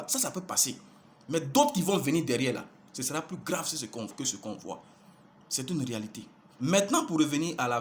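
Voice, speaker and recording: A man with a somewhat high voice delivers a fervent, exhortative monologue. He hammers his points home through repetition and keeps addressing his listeners as brothers and sisters. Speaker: preacher addressing followers. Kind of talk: impassioned monologue.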